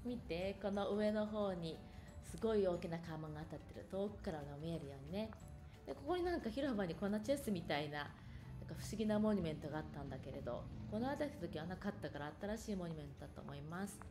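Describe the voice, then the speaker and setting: A woman's voice: on the low side, expressive, fast. A woman giving a casual, chatty walking tour of an outdoor shopping village, talking to viewers from behind a handheld camera. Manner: chatty, friendly asides to the viewer. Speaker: vlogger touring an outlet. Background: background music.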